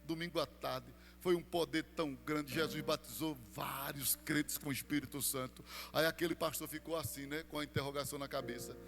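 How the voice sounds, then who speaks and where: A man's voice: on the high side, fairly even intonation, fairly quick, few pauses, long reverb tail, faint music behind. A Brazilian man preaching as a pastor, telling his testimony with drama and voicing the people in the story. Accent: Brazilian Portuguese. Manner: dramatic storytelling, voicing other people, rising to loud climaxes. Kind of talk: sermon testimony.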